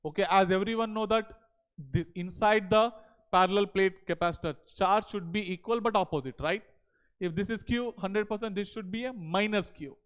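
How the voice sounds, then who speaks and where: A man with an Indian accent teaches a class in a high, smooth voice. He lectures step by step and keeps checking in with short questions. The sound is clean, spoken into a headset mic. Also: moderate pace. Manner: repeated check questions and tag words. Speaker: physics teacher. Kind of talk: board lecture to exam students. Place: indoor teaching studio at a digital board.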